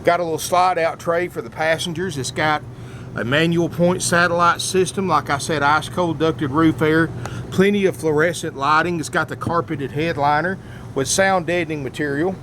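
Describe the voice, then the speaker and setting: A man's voice: steady tone, normal speed. A man giving a folksy, casual sales walkaround as an RV salesman, his speech slightly slurred by a mouth numb from dental work. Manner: folksy, often addresses viewers as "folks". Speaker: RV salesman presenting a used motorhome. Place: outdoors at an RV lot, then inside the motorhome. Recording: noisy outdoor handheld video, engine rumble. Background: running generator and air conditioners.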